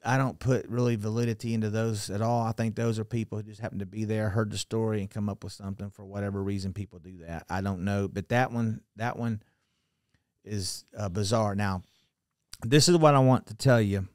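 A middle-aged man telling a story on a podcast in a book-lined study, speaking into a boom mic, animated and given to restarts, his voice dropping quietly at the ends of phrases. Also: a little fast, no room sound, clean studio sound. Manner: animated, gestures a lot, restarts and trails off quietly. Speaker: podcast guest. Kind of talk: storytelling conversation. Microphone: studio mic on a boom arm.

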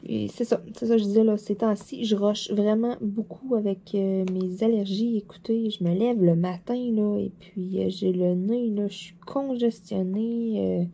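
Quebecois woman vlogging her craft, chatty and rambly, deep mellow voice, bit hoarse from a dry throat. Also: steady tone, moderate pace, few pauses. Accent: Quebec French. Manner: chatty, rambling, laughs often. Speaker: diamond painting vlogger. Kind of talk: casual chat while crafting.

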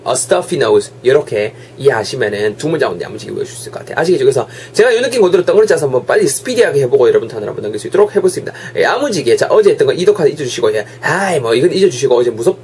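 A young man teaching English phrases in an online lesson, energetic and drilling each phrase by repetition. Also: medium pitch, rapid-fire, hardly any pauses, slight background noise.

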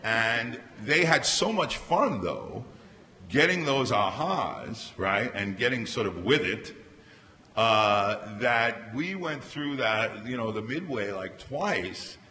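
A middle-aged man speaking as a panelist at a conference, telling anecdotes in a lively way into a table microphone. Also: mid-range voice, takes it slowly. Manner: animated anecdotal storytelling. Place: large conference hall stage. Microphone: microphone on a table stand. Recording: reverberant hall, faint background hiss.

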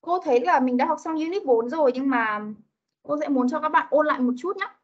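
A woman teaching English to young children in an online class, coaxing them and modeling words slowly for them to repeat. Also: high voice. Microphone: video call. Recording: dull lo-fi video call audio.

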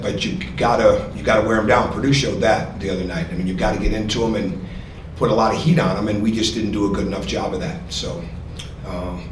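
A middle-aged man, a basketball coach, answering questions at a postgame press conference in an earnest manner, often repeating words while he thinks. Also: lowish voice. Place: press room with sponsor backdrop. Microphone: podium mic. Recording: echoey room, distant mic, noisy.

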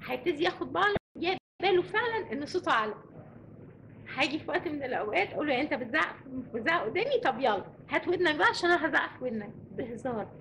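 A woman's voice: high voice, a little hiss or hum, poor audio. A woman with an Egyptian Arabic accent giving parenting advice to parents, emphatic and full of rhetorical questions. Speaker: parenting expert.

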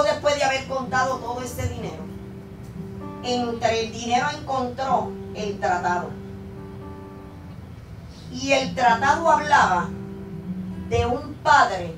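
A woman pastor, telling a story in a sermon and building to loud, fervent exhortation. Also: on the high side, a little slow, pauses often. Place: church sanctuary. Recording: echoey church room, mic at a distance, guitar behind.

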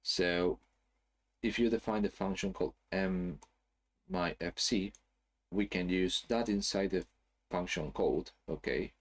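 A man in his thirties giving a screen-recorded software tutorial from a small room, explaining loosely with fillers and hummed pauses. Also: low-pitched. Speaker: software trainer.

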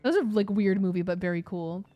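A woman's voice: medium pitch, fast talker, lo-fi sound. A woman streaming a game as host, chatting casually with a giggly, rambling manner full of fillers. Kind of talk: casual gaming chat.

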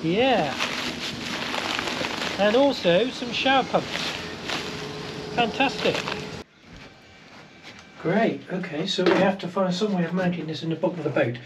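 A man's voice: high voice, measured pace, long pauses, background noise. A man in his sixties, a boat-building vlogger, chatting casually as he explains each job while he works. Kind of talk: casual how-to narration. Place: outdoors in a boatyard and inside a barge under refit.

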